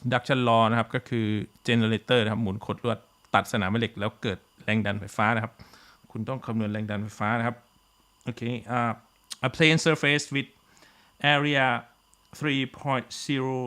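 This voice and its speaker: Guy teaching physics online, goes back and forth thai and english, lots of uh, okay?, kinda slow. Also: medium pitch, steady tone, a bit bright. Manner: mixes Thai and English, many "uh" fillers; keeps checking in with "okay?". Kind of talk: online classroom lecture.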